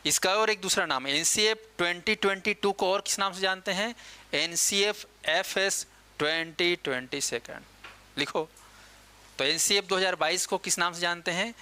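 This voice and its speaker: Male exam-coaching teacher, bright and crisp, chatty, quizzes then answers himself. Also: sits high. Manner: quizzing students with quick questions and answering them himself; slows down to dictate key dates and terms. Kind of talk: classroom lecture.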